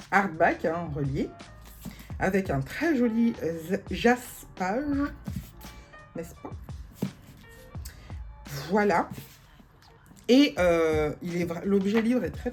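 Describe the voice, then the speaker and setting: A woman's voice: medium pitch, darkish tone. A young woman chatting casually about books she bought, with lots of fillers and frequent giggles. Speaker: book vlogger. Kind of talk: casual book haul chat.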